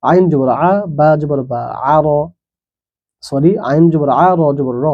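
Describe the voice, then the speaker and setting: Male Quran reading teacher, fairly high voice, very slow, deliberate letter-by-letter drilling, muffled lo-fi recording. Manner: spells out each letter and vowel mark, then blends the syllables; plain explanatory asides between the drills.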